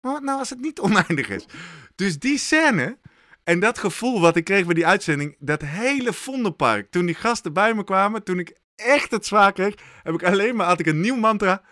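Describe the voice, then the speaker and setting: A man with a bright, slightly high voice recounts a story in casual chat. He acts out his own thoughts with lively energy. The sound is dry and close. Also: normal speed, no room sound.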